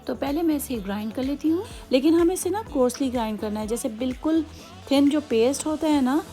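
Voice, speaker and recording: A woman's voice: high voice, a little fast, dark tone, soft background music. Chatty Hyderabadi woman teaching home cooking. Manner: chatty, explains steps patiently with many asides. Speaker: cooking channel host.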